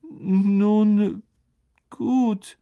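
A reader voicing a vain, flustered male teacher with a high, stammering voice. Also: steady tone, extremely slow, muffled recording.

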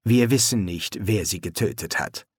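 A male audiobook reader voicing a gloomy vampire soldier who talks in a cold, clipped way and sometimes bursts out shouting. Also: fairly low pitch, normal speed, husky, dry recording, studio quality. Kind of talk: audiobook character voice.

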